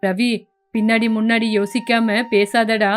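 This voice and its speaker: Brief: firm reproving older father-in-law, put on by a woman, deep lowered voice, storybook. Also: little pitch movement, unhurried, faint music behind, lightly acted. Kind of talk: storybook voice acting.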